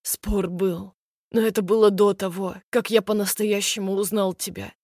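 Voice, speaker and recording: A hushed, pleading young man in a story, begging to be believed, as a female reader puts him on. The voice is quiet and close, recorded dry with no room sound. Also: medium pitch, fairly even intonation, normal speed, no room sound, lightly acted. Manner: soft, near-whispered pleading. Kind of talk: audiobook character voice.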